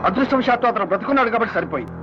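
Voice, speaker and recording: An older actor playing an upright, stern judge who speaks reproachfully, heard as dull film audio over a music score. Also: male voice, sits high, lively intonation, very fast.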